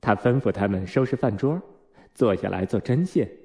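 A man reading a children's storybook aloud in an expressive, unhurried way. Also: lowish voice. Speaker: narrator.

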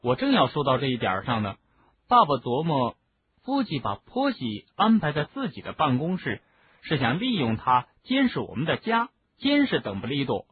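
A man reading an audiobook, voicing a gossipy, indignant teenage boy wizard in a husky voice. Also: medium pitch, huge pitch swings, moderate pace, heavily acted. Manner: chatty, explaining at length. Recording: narrow phone-like lo-fi sound.

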